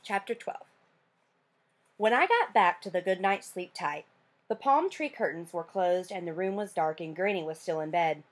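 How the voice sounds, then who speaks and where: A woman reading a children's novel aloud to her students, narrating in an expressive, animated way. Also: on the low side, normal speed. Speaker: teacher reading a book aloud. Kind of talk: read-aloud storytelling.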